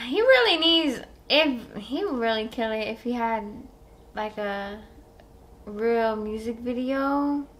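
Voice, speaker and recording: A woman's voice: a little high, animated, slow pace, a bit bright. A woman co-hosting a casual music video reaction, laid-back, trading short remarks.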